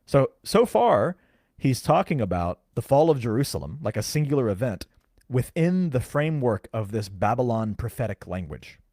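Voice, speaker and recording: A man co-hosting a podcast, carefully explaining scripture in casual chat and slowing down to stress key words. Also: medium pitch, big pitch swings, a little mellow, dry recording, clean studio sound. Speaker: podcast co-host. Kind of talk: casual Bible teaching chat.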